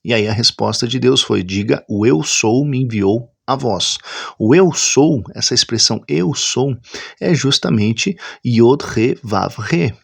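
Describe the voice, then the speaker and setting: A man explaining a Bible topic in an unhurried teaching manner, often checking in with "né?". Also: medium pitch, creaky, breathy edge. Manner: unhurried and explanatory, with frequent "né?" tag questions.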